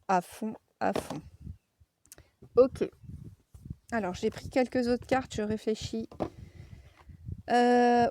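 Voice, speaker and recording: A woman's voice: mid-range voice, background noise. A woman with a Lorraine French accent giving a casual oracle card reading, chatty and frank, with frequent fillers.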